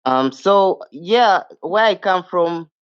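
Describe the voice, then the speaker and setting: A young man, a rapper, answers hesitantly and fills the gaps with ums. His voice is smooth and a little high, and the recording is dull and lo-fi. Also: lively intonation, slow. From Zambia. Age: young adult. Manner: hesitant, filler-heavy. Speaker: rapper guest. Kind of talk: casual interview answers. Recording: dull lo-fi sound.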